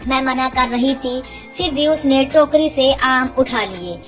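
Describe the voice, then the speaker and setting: A woman's voice: sits high, a little slow, faint music behind. A woman narrating an emotional first-person story in an earnest, sorrowful way.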